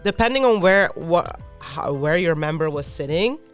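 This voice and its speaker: A woman co-hosting a reaction channel, chatting in a relaxed, low-key way and trailing off as she thinks. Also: moderate pace, faint music behind. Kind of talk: casual chat.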